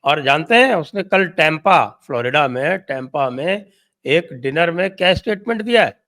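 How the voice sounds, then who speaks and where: A man's voice: on the high side, animated, moderate pace, pushed and bright. A man with an Indian accent hosting a political talk show, reading out quotes with sarcastic relish.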